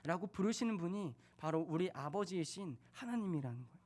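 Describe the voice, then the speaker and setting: A man's voice: sits high, lively intonation, a little fast, a little mellow. A man in his thirties, a junior pastor, preaching a sermon in a church in a conversational way, asking questions of the congregation. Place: church sanctuary.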